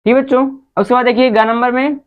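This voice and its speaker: A woman's voice: a little high, fairly even intonation, quick pace, smooth, narrow, tinny audio. A woman teaching a maths lesson to children, patient and step by step, often calling out to the kids. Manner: patient, repeatedly addresses the children.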